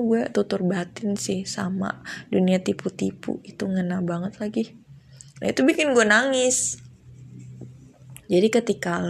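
A young woman talks to her viewers in a loose, slangy, confessional way, often breaking into laughter. Her voice is husky and a little gravelly, with fry at the ends of phrases. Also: medium pitch. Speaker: vlogger. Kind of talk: casual confessional monologue.

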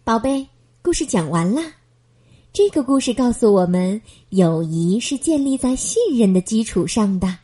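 A woman reading a children's bedtime story aloud in a gentle, expressive manner. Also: fairly high pitch, normal speed, breathy edge.

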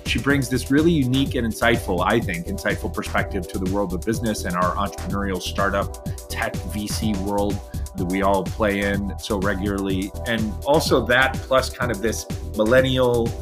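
An American man hosting a podcast, upbeat and effusive, introducing his guest with lots of repetition. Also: medium pitch. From United States. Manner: upbeat, effusive, repeats himself. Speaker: podcast host. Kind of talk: enthusiastic interview introduction. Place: Hollywood studio.

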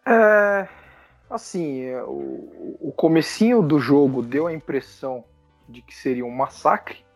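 A man's voice: a little high, expressive, slow pace, soft background music. A man from Brazil co-hosting a podcast, talking in a hesitant way with many restarts. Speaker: podcast co-host. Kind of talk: casual podcast chat.

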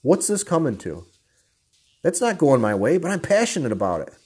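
A man's voice: a little high, sing-song, moderate pace, a little mellow, breathy edge. A man giving an intense, profane motivational rant, blunt and angry, calling his listeners guys. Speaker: motivational speaker.

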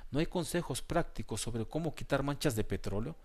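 A man's voice: mid-range voice, animated, brisk, a little mellow, voice pushed up. Colonello, a man doing a pompous blustering cat. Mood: huffy. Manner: pompous, stumbles over words, grumbling. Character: pompous male cat who fumbles long words.

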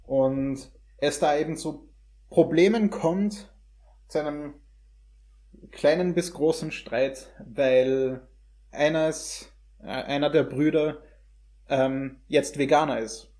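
This young man's voice sits fairly high and carries a darkish tone, and he takes his time. Hosting an easygoing film review, he gropes for the right words and peppers his hesitant phrasing with English slang.

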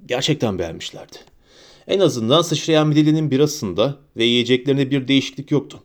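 A man reading a fantasy audiobook aloud in a slow, deliberate storytelling manner. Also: mid-range voice, animated. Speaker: audiobook reader. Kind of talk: scripted narration.

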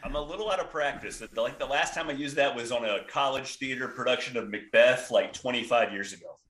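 Male podcast guest, forties, rambling and self-deprecating, bright voice, roomy echo. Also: mid-range voice, brisk. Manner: rambling, enthusiastic, self-deprecating, frequent restarts. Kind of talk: casual podcast chat.

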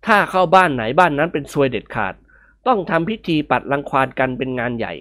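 Expressive woman reading a comic novel. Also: low-pitched, fast. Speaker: narrator. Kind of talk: storybook reading.

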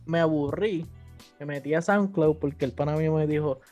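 A man with a Puerto Rican accent talks through a casual interview. His voice sits a bit high but sounds mellow and dark. He slips English words into slangy speech, and faint music plays underneath. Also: a little fast. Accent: Puerto Rican Spanish. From Puerto Rico. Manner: slangy, mixes English words in, acts out quotes. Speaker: podcast guest, platform founder.

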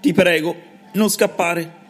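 A woman voicing a gaunt, ragged male ghost in a children's storybook, speaking slowly in a hollow, wheedling tone. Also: fairly even intonation, faint music behind. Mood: pleading. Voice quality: hollow, stovepipe-like voice. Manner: slow, deep and wheedling.

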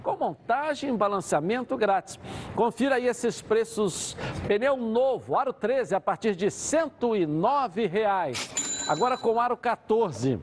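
High-pitched, animated Bahian man presenting sports TV. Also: measured pace, slight background noise. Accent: Bahian Brazilian. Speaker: TV sports show host. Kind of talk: live sports show presenting with ad reads.

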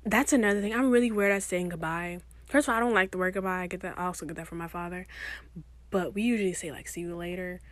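A woman's voice: on the low side, quick pace, no echo. A young woman hosting a solo podcast in casual chat, playful and self-mocking, often trailing off mid-thought. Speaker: podcast host.

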